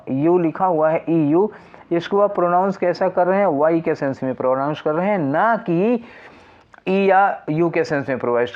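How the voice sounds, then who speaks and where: A man's voice: on the high side, highs cut off. A man teaching an exam prep lesson, explaining step by step and asking and answering his own questions.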